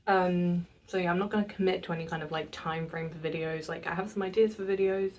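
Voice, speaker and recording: A nineteen-year-old woman, chatting casually in a vlog, self-mocking and quick to laugh. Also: lowish voice, steady tone, a little mellow, distant mic. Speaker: vlogger.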